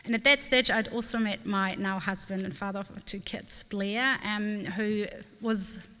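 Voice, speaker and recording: A middle-aged woman from Southern Germany, telling her story in an earnest, enthusiastic public talk and often pausing to find her words. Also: mid-range voice, fairly even intonation, sharp tone, clean tone. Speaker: freshwater ecologist giving a talk. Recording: reverberant hall.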